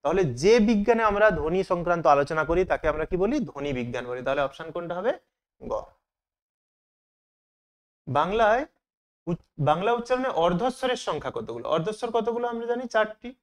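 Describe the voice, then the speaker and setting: High, lively male teacher quizzing himself. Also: fairly quick, long pauses. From Bengal. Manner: asks questions and answers them himself. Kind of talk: exam question walkthrough.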